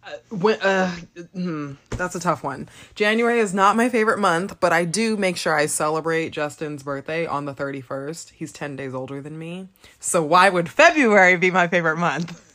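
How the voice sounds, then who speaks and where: A woman's voice: lowish voice, normal speed. A woman in her thirties hosting a podcast, chatting casually and telling stories with lots of laughs. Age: 30s. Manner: giggly, rambling, animated storytelling. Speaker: podcast host. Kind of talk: casual chat.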